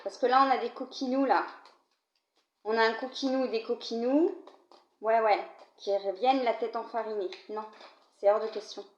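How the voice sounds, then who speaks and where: With fairly even intonation, normal speed and long pauses, a woman who has a cold gives a tarot-style reading to camera, coughing occasionally. She chats to the viewer directly, checking in often with "d'accord?". It's a dull, roomy, low-volume home recording.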